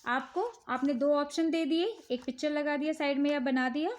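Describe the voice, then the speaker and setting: A woman with an Indian accent, calmly explaining children's worksheets one step at a time. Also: high-pitched. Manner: slow, patient, repeats "ठीक है" often. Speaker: teacher showing worksheets. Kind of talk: casual instructional talk.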